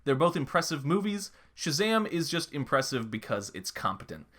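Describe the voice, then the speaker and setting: Laughing, swearing young man on a podcast. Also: fairly high pitch. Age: 20s. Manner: animated, swearing, quick laughs. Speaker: podcast co-host. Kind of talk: casual chat.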